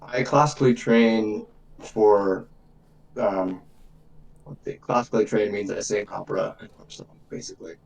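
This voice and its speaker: A man's voice: fairly low pitch, steady tone, creaky, a little mellow, recorded from a distance, low-quality recording. A young man in his twenties, a podcast guest speaking hesitantly, with his call audio cutting in and out at uneven volume. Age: 20s. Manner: hesitant, with many pauses and fillers. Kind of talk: casual chat.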